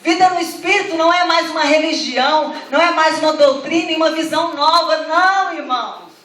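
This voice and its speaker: A woman's voice: sits high, a little fast, fairly bright tone. A middle-aged woman pastor, preaching a fervent sermon that rises to emphatic calls to the congregation. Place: church hall. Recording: echoey hall from far off.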